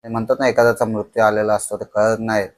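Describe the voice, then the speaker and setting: A young man telling a horror story on a podcast, slow and dramatic, dropping to a hush at tense moments. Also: lowish voice, completely flat delivery.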